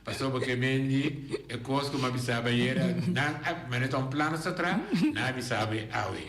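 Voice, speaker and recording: Male singer guest, Bonaire accent, gravelly, halting and repetitive, echoey radio studio. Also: mid-range voice, a crowd in the background. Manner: halting, repeats words often. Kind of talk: radio interview.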